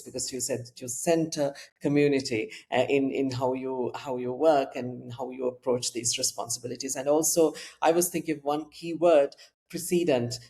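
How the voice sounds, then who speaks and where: An interview host asking thoughtful questions in a measured, reflective way, with frequent fillers. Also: medium pitch, warm tone. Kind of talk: interview conversation.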